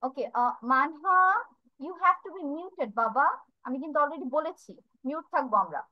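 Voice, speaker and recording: A woman's voice: high voice, expressive, unhurried, dry recording, highs cut off. A woman teacher gives an online vocabulary lesson, drilling English word pairs and explaining them in over a video call. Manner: switches between English and Bengali explanations.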